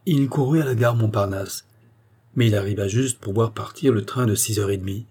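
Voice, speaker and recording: A male audiobook narrator with a dark, husky voice. He reads the novel in a measured storytelling manner, steady and unhurried. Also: on the low side. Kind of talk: scripted narration.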